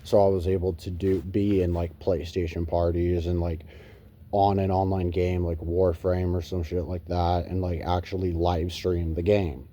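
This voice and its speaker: A man's voice: sits low, little pitch movement, moderate pace, dark tone. A man chatting casually and rambling to his viewers as a gaming vlogger, recorded on a phone. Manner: swears casually. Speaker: gaming YouTuber.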